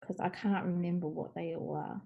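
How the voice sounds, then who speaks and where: A woman's voice: fairly low pitch, steady tone, normal speed, creaky, phone-quality sound. A middle-aged woman chatting casually as she shows things on a video blog, recorded at home over a video call. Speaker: co-host of a craft video blog. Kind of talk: casual show-and-tell chat.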